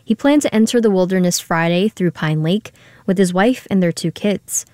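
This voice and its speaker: A woman radio reporter reading a scripted news story in a clear, even way. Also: on the low side, normal speed, no room sound, clean studio sound.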